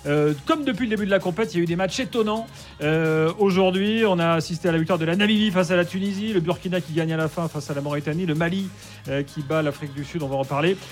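A man's voice: a little high, quick pace, soft background music. A man hosting a live sports radio chat show, chatty with lots of fillers and frequent laughs. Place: studio on location.

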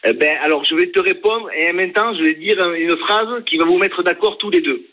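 A man's voice: high voice, fairly quick. A man from southern France with a southern French accent, calling in to a radio show and speaking with impassioned emphasis. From southern France, near Nîmes. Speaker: caller. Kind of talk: phone-in call. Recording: tinny phone line.

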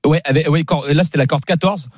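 A man's voice: fairly high pitch, brisk, darkish tone, no room sound. Male radio pundit, explanatory, dry studio sound. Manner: explains technical points, filler-heavy. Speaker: radio pundit on horse racing.

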